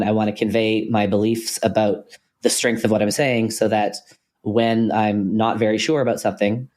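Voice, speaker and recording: A man co-hosting a podcast, talking through ideas in a thoughtful, hesitant way with many pauses and restarts. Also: on the low side, a little mellow. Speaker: podcast co-host. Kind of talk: casual philosophical conversation.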